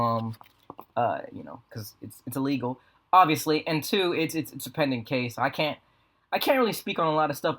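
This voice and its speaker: A young American man with a slightly high voice talks at a rapid clip. He rambles through a casual vlog story, full of slang and profanity. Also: fairly bright tone. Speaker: video creator. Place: apartment room with a fan running. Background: fan hum.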